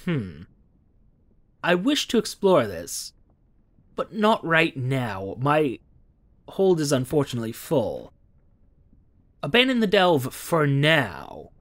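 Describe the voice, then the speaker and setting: Here the streamer's voice sits a little high and swings hugely in pitch, slow and bright with long pauses. Playing a space exploration game, he muses aloud between frequent hums and reads the on-screen text. He's losing his voice, so there's a slight strain.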